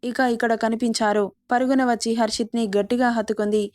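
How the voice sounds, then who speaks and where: A woman narrating a serialized romance story in a steady reading voice. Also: a little high, brisk, no echo.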